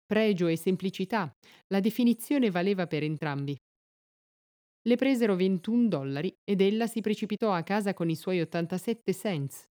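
A woman narrating a story aloud in a measured, expressive audiobook reading. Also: mid-range voice.

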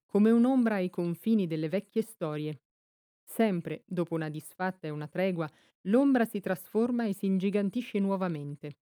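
A woman's voice: fairly low pitch, warm tone, no echo, studio quality, lightly acted. A woman reading as a grave old male wizard. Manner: slow, solemn storytelling speech. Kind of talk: audiobook reading.

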